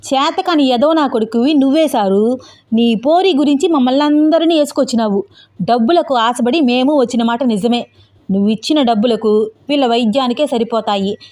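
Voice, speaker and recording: A woman's voice: mid-range voice, darkish tone, lightly acted. Brief: hired street toughs, slangy and coarse, woman reader puts them on. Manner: rustic slang, blunt. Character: rough hired street thugs, rustic men.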